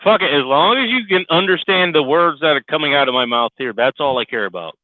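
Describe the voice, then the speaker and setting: A man's voice: fairly high pitch, lively intonation, a little fast, no room sound. A middle-aged man sounding like a CB radio through his headset, ranting sarcastically and swearing constantly in a casual podcast chat. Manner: sarcastic, swears constantly, gets loud and fired up. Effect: sounds like a tinny CB radio over his headset. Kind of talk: casual profane rant. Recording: tinny dry lo-fi headset line.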